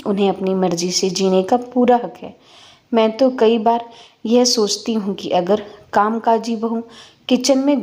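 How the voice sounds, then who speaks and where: Brief: woman, fifties, calm first-person story narrator, reflective. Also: fairly high pitch.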